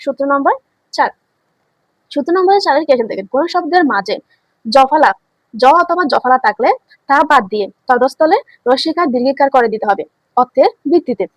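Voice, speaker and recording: High-voiced woman teaching grammar. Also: lively intonation, brisk, no echo, poor audio. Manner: asks students questions then answers them herself; repeats key words for emphasis. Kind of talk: online classroom lesson.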